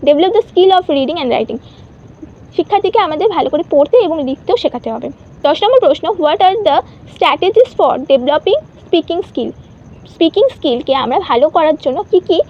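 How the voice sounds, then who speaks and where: Woman teacher, high voice, exam-prep lesson, slow reading of English points, muffled lo-fi sound. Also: lively intonation. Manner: reads English points slowly, then explains them.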